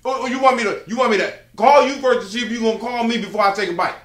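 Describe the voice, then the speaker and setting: An exasperated college-age son. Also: male voice, very high-pitched, big pitch swings, reverberant, full character voice. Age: young adult. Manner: fast, argumentative, loud outbursts. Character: exasperated young man arguing with his father. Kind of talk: comedy sketch acting.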